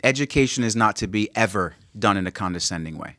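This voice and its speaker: A man's voice: lowish voice, animated, fast, bright, forceful tone, no room sound. A man co-hosting a podcast in casual chat, making his points with emphatic repetition. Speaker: podcast co-host.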